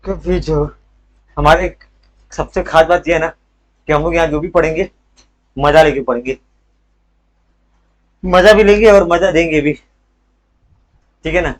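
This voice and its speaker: A young male teacher with a high voice runs a lively commerce lesson. He fires quick questions at the class and answers them himself, dropping English terms into his talk. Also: rough recording. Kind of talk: live class lecture.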